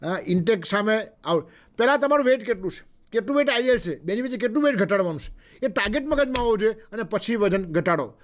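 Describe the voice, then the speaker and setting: A man with a Gujarati accent delivers a health lecture in a high, light voice. He speaks unhurriedly and repeats his points. He pauses often and fills the gaps with short sounds. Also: expressive. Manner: unhurried, repetitive, with frequent pauses and fillers. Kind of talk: health talk mixing Gujarati and English.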